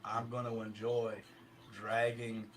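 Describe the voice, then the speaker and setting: A man's voice: mid-range voice, level tone, slow pace, a bit bright. A middle-aged man chatting casually and jokingly, rambling along with profanity and self-deprecation.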